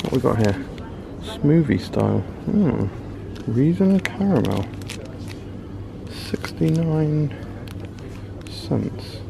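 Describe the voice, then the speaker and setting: A British food vlogger, a man from the United Kingdom, gives casual running commentary while shopping, chatting curiously about products on the shelves in large indoor supermarket aisles. His voice is on the high side, animated and gravelly, with drawn-out words and long pauses. Background noise is present.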